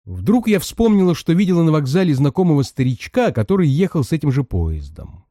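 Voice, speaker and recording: A male storyteller whose reading swings widely in pitch. His voice is mellow and dark, and the recording is dry and close. He acts out each character as he reads. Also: big pitch swings, fairly quick, dry recording. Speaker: reader.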